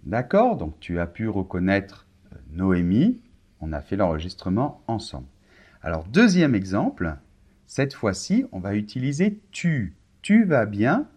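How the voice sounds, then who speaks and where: Slow husky male language teacher. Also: on the low side, wildly swooping pitch, darkish tone. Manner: slow, deliberate, repeating words for learners. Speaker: French teacher. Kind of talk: pronunciation lesson for learners.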